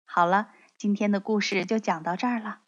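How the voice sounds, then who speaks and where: A woman reading a children's storybook aloud in a slow, gentle way, speaking to the children. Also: mid-range voice, steady tone. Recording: dull lo-fi recording.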